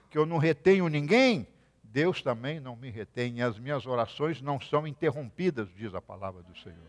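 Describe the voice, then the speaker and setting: Brazilian guy preaching, high lively voice, big reverby hall. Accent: Brazilian Portuguese. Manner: animated, talks to the congregation with questions and sudden loud outbursts. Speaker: rabbi. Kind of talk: sermon.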